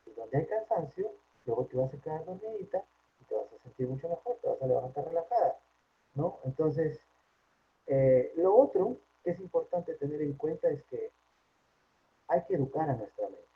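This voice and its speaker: A man with a Peruvian Spanish accent, a psychologist giving an informal workplace talk in a chatty way, often checking in with a quick question tag. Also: a little high, animated, slightly rough. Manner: conversational, frequent tag questions. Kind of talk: informal lecture. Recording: tinny phone-like line.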